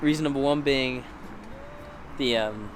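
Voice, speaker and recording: A young English man talks casually to camera from his basement, in a loose, chatty way with the odd swear word. His voice is mid-pitched. A steady background noise sits under it. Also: unhurried, rough recording. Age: young adult. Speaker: vlogger. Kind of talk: casual vlog talk to camera. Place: home basement.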